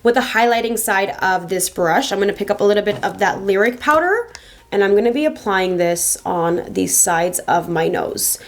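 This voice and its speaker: A woman's voice: mid-range voice, expressive, moderate pace, slight background noise. A woman in her twenties talking casually to camera through a makeup tutorial, chatty and emphatic, repeating words for stress. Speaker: beauty vlogger. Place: small indoor home filming setup.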